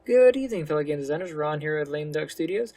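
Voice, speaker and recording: A man hosting a casual screen-recorded game development tutorial, his voice gravelly and pitched a touch high. He speaks relaxed and a little slurred, talking through each click with easy fillers. He sounds close to a desktop mic. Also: fast talker, no echo. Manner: relaxed, slightly slurred speech; talks through each step with fillers like "go ahead".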